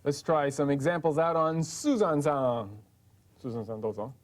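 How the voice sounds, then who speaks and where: A man narrating a scripted language lesson, sounding out words slowly and carefully. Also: a little high, a little hiss or hum. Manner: slow, careful pronunciation drills. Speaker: language teacher.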